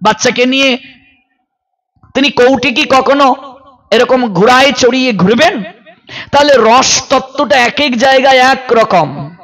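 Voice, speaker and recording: A man with a strikingly high voice preaches a devotional sermon. He tells stories, voices the people in them, and keeps asking the listeners rhetorical questions. At times he drops into slow chanted verse. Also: rough recording. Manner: expressive storytelling, voicing characters in quoted scenes.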